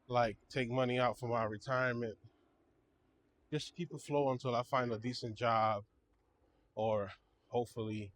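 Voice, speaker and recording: New dude filming himself walking in a park, kinda winded, rambly and repeats stuff, phone mic outdoors. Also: male voice, mid-range voice, slight background noise. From New York City. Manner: chatty, self-correcting, repeats phrases. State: out of breath. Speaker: vlogger, registered nurse. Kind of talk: casual walking vlog.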